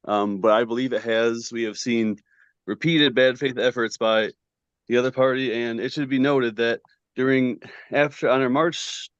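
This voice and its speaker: A man's voice: mid-range voice, fairly even intonation, moderate pace, clean tone, dry recording, dull audio. A man giving public comment over a video call in an earnest way. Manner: flustered at first, then earnest.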